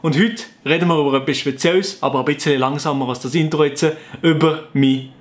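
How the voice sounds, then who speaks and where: A young adult YouTuber from the Canton of Fribourg, Switzerland, with a Sensler Swiss German accent, playfully explains his dialect to the camera at home. He talks fast in a voice on the high side with fairly even intonation.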